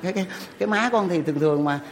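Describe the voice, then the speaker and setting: A man's voice: high voice, very fast, long reverb tail, noisy background. A middle-aged man with a Southern Vietnamese accent, politely and animatedly telling stories about his childhood. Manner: polite, answers with "dạ". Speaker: guest telling life stories. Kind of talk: casual spoken storytelling.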